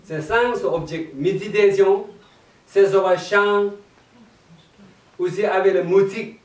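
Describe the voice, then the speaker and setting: A man with a Tibetan accent introducing a chant evening to an audience in halting, laughing French. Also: sits high, fairly even intonation. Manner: broken French, slow, laughing often. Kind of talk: halting explanatory talk to an audience. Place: meditation centre hall, indoors. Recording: roomy distant hall mic with faint noise.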